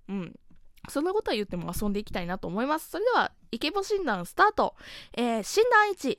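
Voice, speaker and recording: A woman's voice: a little high, no echo, studio quality. A young woman with a Kansai accent hosting her own talk show, chatting casually and mocking herself with frequent laughs. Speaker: radio talk host.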